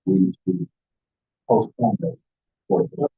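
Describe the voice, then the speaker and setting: A man with a gravelly, husky voice chairing a board meeting in formal procedural language, heard through tinny call audio. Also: low-pitched, steady tone, a little slow.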